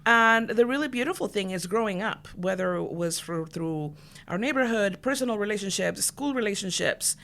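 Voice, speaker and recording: A woman's voice: medium pitch, expressive, moderate pace, a bit bright. Middle-aged woman from Guatemala, podcast guest, earnest and rambling. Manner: earnest, storytelling, frequent fillers and restarts. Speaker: guest, business owner. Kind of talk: casual interview chat.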